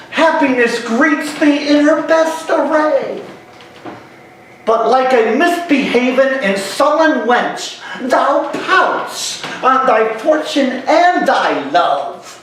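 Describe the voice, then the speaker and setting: A man performing a stern, exasperated friar scolding a young man in a slow, declamatory Shakespeare stage monologue. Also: very high-pitched, lively intonation, a bit bright, voice pushed up, exaggerated voice. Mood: insistent reproach. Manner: theatrical, emphatic, slow deliberate phrasing. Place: large hall, live stage. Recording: echoey hall, distant mic, faint noise.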